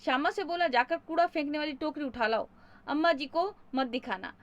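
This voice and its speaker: A middle-aged woman teacher with a high voice reads a story to schoolchildren. She gives the characters' lines a lively read, then goes back over each passage in plain, simple words. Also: fairly quick, highs cut off. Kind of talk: reading a story aloud and explaining it for school pupils.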